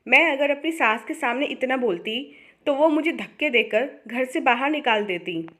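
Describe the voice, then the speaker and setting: A woman's voice: sits high, animated, moderate pace, a bit bright. A woman reading a story aloud and voicing a resentful, complaining young sister-in-law in her own voice. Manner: whiny, resentful.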